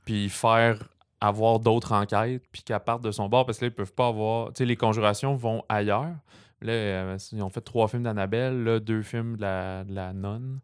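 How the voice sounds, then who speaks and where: Low, smooth-voiced Quebecois man. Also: normal speed, dry recording, studio quality. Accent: Quebec French. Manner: animated, digressive storytelling. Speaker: film review co-host. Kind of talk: casual film review chat.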